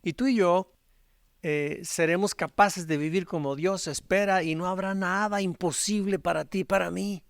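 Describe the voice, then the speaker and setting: A middle-aged male pastor with a Mexican Spanish accent tells stories in a sermon that swings between loud, animated peaks and hushed, quiet stretches. His voice is high with some vocal fry, his pace moderate, and the studio recording is clean with no room sound.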